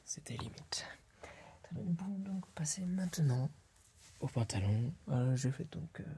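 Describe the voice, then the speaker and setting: Here the young man's whispered tailor roleplay sounds fairly high-pitched, expressive, a little slow, warm and breathy at the edges. He is an ASMR performer in his young adult years, acting as a polite, fussy tailor with a client, breathy and hesitant throughout. He is recorded on a close ASMR microphone in a small room set up as a tailor's workshop.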